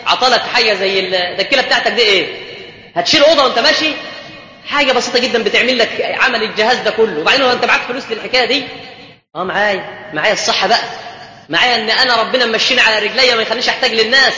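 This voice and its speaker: A man's voice: very high-pitched, racing, bright, forceful tone, slight background noise. A male preacher with an Egyptian accent, giving a colloquial mosque sermon full of rhetorical questions and banter. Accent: Egyptian Arabic. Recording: echoey dull mosque hall.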